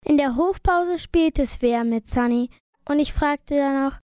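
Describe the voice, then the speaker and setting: A woman's voice: high voice, measured pace, a little mellow, dry recording, clean studio sound. A woman reading a first-person story aloud in a plain, uneven reading voice. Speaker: narrator.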